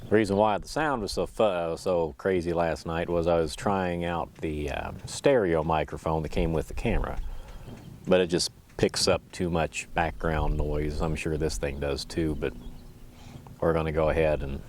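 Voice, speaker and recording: Casting: easygoing folksy man, low voice, unhurried solo vlog chat on a lapel mic with some background noise. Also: steady tone, a little mellow. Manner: folksy, easygoing, chuckles to himself. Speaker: vlogger. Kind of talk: casual, rambling solo chat.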